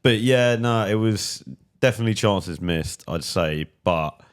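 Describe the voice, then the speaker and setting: A man's voice: on the low side, measured pace, smooth. A man in a casual football chat, dropping dry, joking asides.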